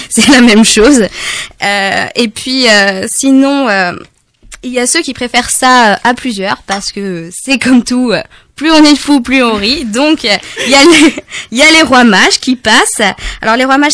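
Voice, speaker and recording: Hesitant woman chatting, slightly high voice. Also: a little slow, fairly bright tone, no echo. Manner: hesitant, many fillers, laughs at own slips.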